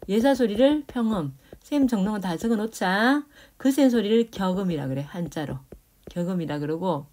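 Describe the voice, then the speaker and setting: A woman with a mellow, medium-pitched voice teaches Korean grammar in a phonetics lecture. She explains speech sounds, says consonants aloud as demonstrations, and checks in with her students.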